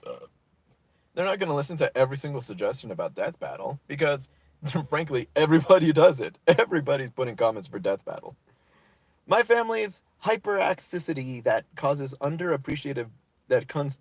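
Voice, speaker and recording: A man hosting a relaxed livestream chat, rambling goofily and riffing on viewer comments. His voice sits at an ordinary middle pitch. The recording is dry, with no room echo. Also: breathy edge. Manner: rambling, goofy, improvises silly rhymes. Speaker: livestream host.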